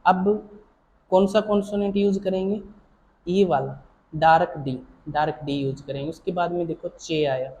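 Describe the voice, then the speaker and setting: Over a faint hiss and dull audio, a man teaches shorthand in a soft, mellow voice of medium pitch and fairly even intonation. He repeats himself patiently, stops often to make sure his students are keeping up, and addresses them affectionately as child or dear.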